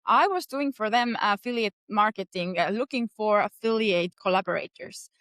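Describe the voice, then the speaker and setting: Here an Estonian-accented woman in her thirties is a guest on a podcast, responding earnestly to interview questions while frequently hesitating and starting over. The recording is dry, and her mid-range voice is slightly bright and moderately paced.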